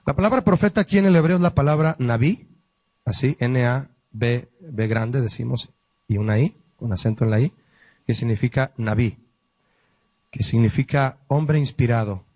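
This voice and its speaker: A man, a pastor, teaching a Bible study lesson, explaining word meanings slowly and asking the listeners questions. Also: mid-range voice, animated, a little mellow, no room sound.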